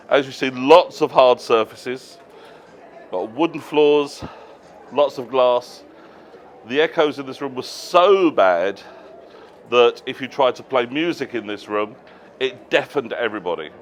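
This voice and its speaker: A man giving a live presentation to an audience at a trade show, explaining things plainly with casual asides and quick self-corrections. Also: mid-range voice. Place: noisy exhibition hall.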